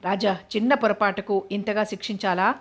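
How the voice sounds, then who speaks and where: Pleading young wife, woman reading her, soft, pretty even pitch. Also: normal speed, lightly acted.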